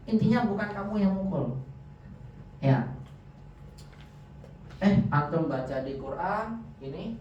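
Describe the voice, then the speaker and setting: A man's voice: sits high, lively intonation, slow, long pauses, a little mellow, a little hiss or hum. A man teaching Arabic grammar in a classroom, quizzing his students with frequent questions. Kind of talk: classroom lesson. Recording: echoey room, distant dull mic.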